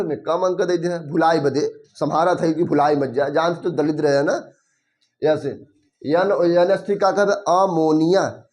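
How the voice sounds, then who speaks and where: A man's voice: on the high side, a little mellow. A man with a Bhojpuri accent teaching a chemistry class, explaining step by step and often checking that the students follow.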